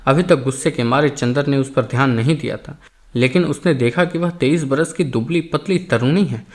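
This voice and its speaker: A man narrating a novel as an audiobook in a measured, expressive reading. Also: mid-range voice. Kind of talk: scripted narration.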